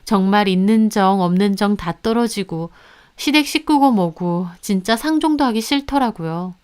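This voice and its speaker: A woman's voice: medium pitch, normal speed, a little mellow, clear, resonant tone. A woman narrating a family conflict in the first person, indignant and confiding. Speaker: storyteller.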